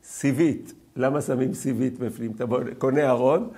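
A man teaching a scripture class, questioning his students and rising to loud, emphatic peaks. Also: medium pitch, steady tone. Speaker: Torah teacher.

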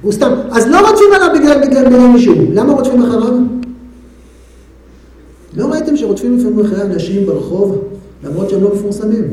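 A man's voice: high-pitched, mellow, very echoey, slight background noise, rough recording. A man teaching a Bible class, building drama by firing off rhetorical questions to his listeners. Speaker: Torah teacher.

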